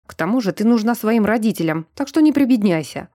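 Woman doing a gruff, blunt werewolf man. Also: fairly high pitch, expressive, fairly quick, dark tone, no echo, clean studio sound. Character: gruff young man, werewolf, teasing and hot-tempered.

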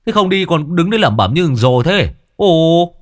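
A man voicing a loud, impatient older man in a ghost story, shouting and teasing. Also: a little high, big pitch swings, normal speed, voice pushed up. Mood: mocking. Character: loud older male companion, mocking and impatient.

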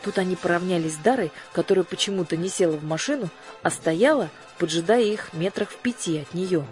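A woman narrating an audiobook in a lowish voice, measured and expressive, pacing the story with care. Faint music plays softly behind her reading.

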